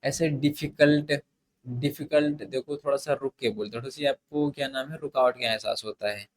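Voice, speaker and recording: A man's voice: medium pitch, a little fast, rough recording. A man teaching an English grammar lesson, mixing Hindi and English in a hesitant style with many fillers and restarts. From India.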